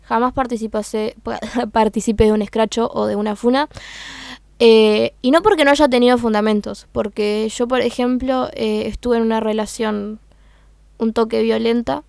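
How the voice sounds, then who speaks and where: With a Uruguayan Spanish accent, this young meme page creator speaks at normal speed in a voice on the high side that's creaky, smooth and darkish, with fairly even intonation and no echo. Her casual monologue is hesitant, with many fillers as she searches for words.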